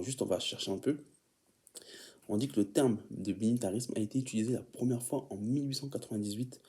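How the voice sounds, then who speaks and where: A man's voice: medium pitch, mellow. A man preaching an informal teaching sermon, often stumbling and repeating words as he reads definitions aloud and calls his listeners beloved.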